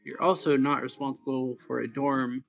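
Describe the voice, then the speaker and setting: A man casually reads a visual novel aloud, narrating and voicing the lines, stumbling and correcting his misreadings along the way. His medium-pitched, creaky voice shows little pitch movement at a normal pace. The audio is narrow and tinny.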